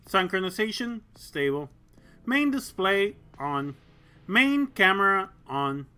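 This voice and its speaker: A reader voicing an onboard mech computer that reads status checks in a slow, clipped, mechanical way, in an audiobook story. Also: mid-range voice, bright, forceful tone, clear, resonant tone. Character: flat, even-toned onboard mech computer.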